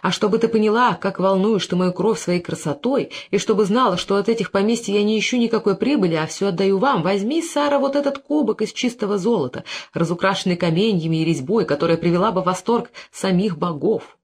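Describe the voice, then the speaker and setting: A reader voicing a scheming, flattering Phoenician moneylender in an audiobook, oily and wheedling in manner. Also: medium pitch, a little fast, few pauses, breathy edge. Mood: fawning. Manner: oily flattery turning to angry cursing. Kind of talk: audiobook character reading.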